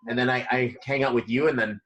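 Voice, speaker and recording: Man, mid pitch, rambling spiritual chat, lots of fillers. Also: steady tone, fast talker, fairly bright tone, lo-fi sound. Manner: loose and rambling, many fillers and restarts. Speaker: numerology reader, guest.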